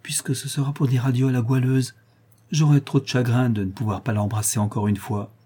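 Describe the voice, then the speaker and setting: A man reading aloud and voicing a rough, outspoken working-class woman in an audiobook. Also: medium pitch, fairly even intonation, a little fast, warm tone, close to an everyday voice. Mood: blunt. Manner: gruff and outspoken.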